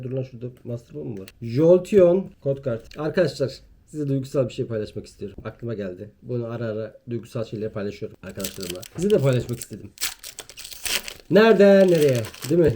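A young man chats his way through a card pack opening, reeling off card names and muttering jokes to himself. His voice is very dark and mellow at a middling pitch. Card wrappers crinkle behind him. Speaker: YouTuber opening trading card packs. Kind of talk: casual pack-opening commentary.

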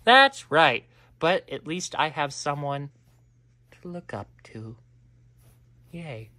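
A woman delivering a rambling comedic monologue. She keeps interrupting herself and swings between muttering and loud outbursts. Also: deep voice, very animated, slow pace.

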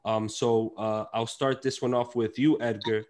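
A man's voice: medium pitch, little pitch movement, normal speed, a little mellow, slight background noise. A man hosting a panel over a video call on a headset, talking loosely with many fillers and restarts. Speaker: host and moderator.

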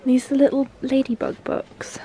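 A young woman vlogging as she browses shops, chatty, often dropping to a hushed whisper. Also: sits high, little pitch movement, normal speed. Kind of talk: casual travel vlog. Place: shops in a small town, indoors and out. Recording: noisy handheld vlog audio.

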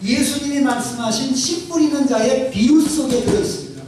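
Guy preaching fast in a big echoey church, high voice, mic far off. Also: animated, noisy background. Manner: emphatic preaching with gestures, pausing for translation. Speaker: pastor. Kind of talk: sermon in Korean with interpreter. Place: large church hall, indoors. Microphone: handheld mic, filmed by far camera.

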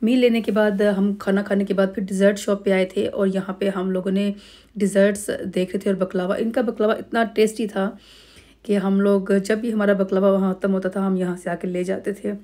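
A middle-aged woman from Pakistan, narrating a family holiday vlog over clips in a relaxed, rambling way with many pauses and fillers. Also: mid-range voice. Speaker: vlogger.

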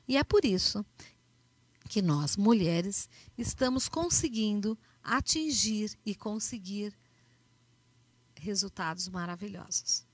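A woman with a Brazilian accent gives an animated motivational talk, acting out small dialogues within her stories. Her voice is medium in pitch and her pace is slow. There's no echo.

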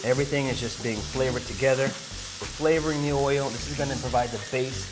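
An energetic man in his thirties hosts a cooking segment, steering his guest with quick friendly commands. His voice sits mid-range, recorded on a lapel mic in a studio kitchen. Clear background music runs underneath. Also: medium pitch, poor audio. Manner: upbeat, directive, chatty. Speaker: cooking show host. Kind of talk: instructing a guest while cooking.

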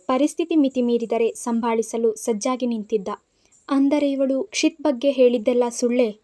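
Mellow woman narrating a dramatic story. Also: on the high side, moderate pace. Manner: dramatic, expressive reading. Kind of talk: scripted audio story narration.

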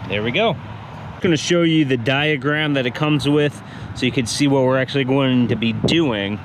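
Outdoors in daylight next to a vehicle, a man records a casual how-to, musing out loud as he goes. An action camera mounted or held close captures his mid-range voice, moderate pace, and clear surrounding noise.

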